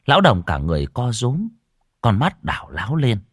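A man narrates an audiobook story expressively, in a medium-pitched voice with a breathy edge and at a moderate pace. The recording is studio quality with no room sound.

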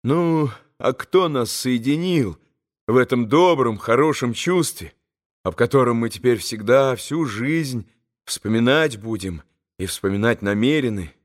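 A man voicing a gentle, earnest young man giving a tender speech in an audiobook. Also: mid-range voice, lively intonation, measured pace, close to an everyday voice. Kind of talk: audiobook character reading.

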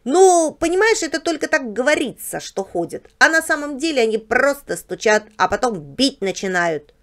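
A boastful know-it-all house dog from a storybook, played by a woman reader. He explains everything in a raised, high, lively voice, patronizing and pleased with himself. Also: moderate pace. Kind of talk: storybook character voice.

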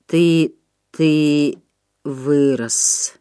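A woman's voice: deep voice, steady tone, very slow, dark tone, clean tone, dry recording, clean studio sound. A woman voicing a confused, timid young man who has lost his memory, speaking hesitantly. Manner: hesitant, unsure.

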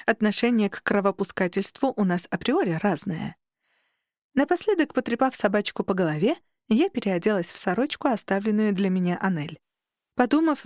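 Woman narrator, first-person audiobook, expressive, wry, dead-dry studio sound. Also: mid-range voice, no room sound.

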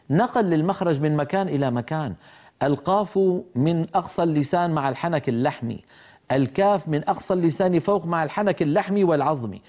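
A man teaching tajweed, explaining pronunciation rules and slowly demonstrating how verses should and should not sound. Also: fairly high pitch, warm tone. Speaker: Quran recitation teacher. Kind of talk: tajweed lesson.

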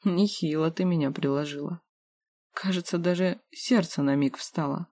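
A woman's voice: low voice, normal speed, warm tone, no echo, studio quality. A woman voicing a big, cheeky man who has lived for centuries, brash and mocking, in an audiobook. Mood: teasing.

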